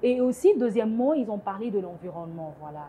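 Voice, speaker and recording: Animated young woman, studio interview. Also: mid-range voice, fast talker, a crowd in the background. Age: 20s. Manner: animated, emphatic, laughs easily. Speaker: guest, founder of a women's platform. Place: TV studio set. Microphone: lapel mic.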